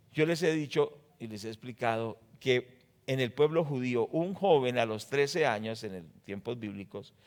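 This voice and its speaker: A man with a Colombian accent preaching a sermon as pastor, rising loud on scripture quotes and dropping low to explain, often asking the congregation rhetorical questions. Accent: Colombian Spanish. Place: church.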